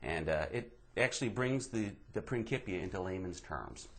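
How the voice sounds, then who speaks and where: A man's voice: sits low, expressive, moderate pace, a loud crowd. A young man from Wisconsin, a comedian guest in casual comic chat, laughing often and slipping into mock Midwestern voices.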